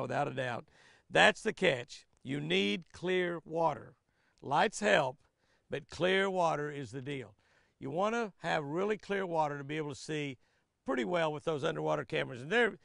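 An older man with a gravelly, fairly high voice hosts a folksy daily devotional reading outdoors by a flowering tree; he is also a fishing guide. He is chatty and lively and laughs often, and the recording is dry and studio quality.

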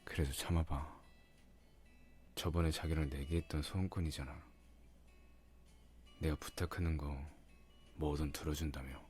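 A man playing a doting, teasing young boyfriend in an intimate ASMR ASMR role-play, murmuring softly and coaxingly close to the microphone. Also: a bass voice, steady tone, moderate pace, long pauses. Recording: music behind the voice.

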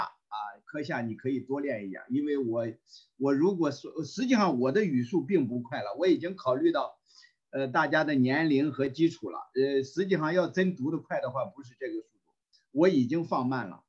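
A man runs a volunteer English lesson on an online call, going through phrases slowly and repeating each, peppered with fillers and throat clearing. His voice is mid-range, with the highs cut off.

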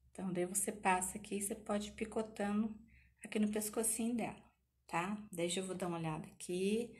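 Woman over fifty, craft teacher, chatty, keeps asking viewers "okay?", middle-pitched voice. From Paraná, Brazil. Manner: chatty, emotional, speaks to viewers with many tag questions. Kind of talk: live craft tutorial.

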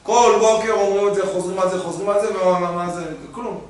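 High-voiced rabbi preaching in echoing hall. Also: male voice, steady tone. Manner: rhetorical questions, insistent repetition. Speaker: rabbi teaching Kabbalah. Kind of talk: Torah sermon. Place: yeshiva study hall. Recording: echoey hall, voice from far off.

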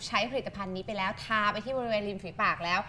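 A woman co-hosting a studio TV show, quick and chatty, chiming in often, with soft background noise. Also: medium pitch. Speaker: co-host. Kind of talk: casual TV chat.

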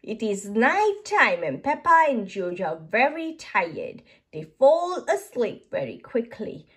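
A woman reading a children's storybook aloud slowly and clearly, with an expressive, sing-song delivery. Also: on the high side. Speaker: storybook reader.

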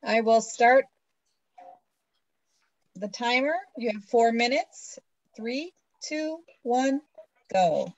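A woman moderating an online competition, announcing teams and counting down slowly and steadily. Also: fairly high pitch, animated. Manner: slow, measured announcing. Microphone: video call. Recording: dull, dry video call audio.

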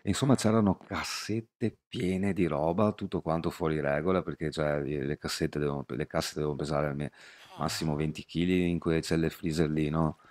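Very deep-voiced man streaming. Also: fairly even intonation, moderate pace, darkish tone, no room sound. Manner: chatty, rambling anecdotes addressed to chat. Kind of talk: casual live-stream chat while gaming.

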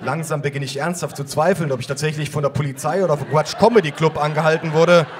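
Man performing a deadpan comic story. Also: on the high side, fast, slight background noise. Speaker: poetry slam performer. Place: stage at a poetry slam.

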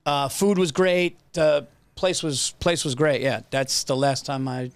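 A man's voice: a little high, unhurried, clean tone, no room sound. A middle-aged man co-hosting a studio podcast, chatting casually and rambling with lots of restarts. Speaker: podcast co-host. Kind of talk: casual chat. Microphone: studio boom mic.

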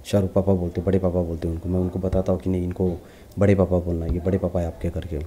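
A middle-aged man telling stories in an interview, lively, and acting out the lines of the people he quotes. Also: low-pitched, fast talker, slight background noise. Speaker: celebrity lookalike actor interviewee. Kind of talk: casual storytelling interview.

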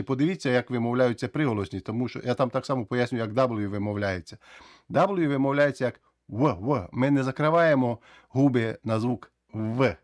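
A man teaching English pronunciation, lively, who says words slowly and repeats them often. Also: medium pitch, no room sound, studio quality. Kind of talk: explaining pronunciation rules.

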